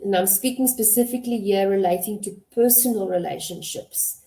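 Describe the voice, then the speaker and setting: Calm, measured woman coach, echoey room. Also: mid-range voice, gravelly. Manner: measured, deliberate, stresses key words. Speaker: host and communication coach. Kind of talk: motivational talk to camera.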